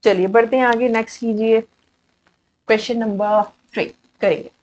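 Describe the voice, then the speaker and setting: Indian lady teacher, kinda high voice, chatty coaching class vibe, repeats stuff a lot, slightly dull lo-fi sound. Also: fairly even intonation, moderate pace, darkish tone. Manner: chatty, explains in mixed Hindi and English, repeats key words. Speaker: English vocabulary teacher. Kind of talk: online exam coaching class.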